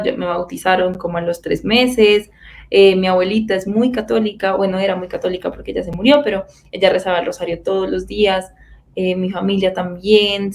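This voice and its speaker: Telling her own faith story with sincerity, a twenty-something testimony speaker from Bogotá often stumbles into fillers and starts over. She speaks with a Colombian accent from Bogotá, in a medium-pitched voice that has a darkish tone.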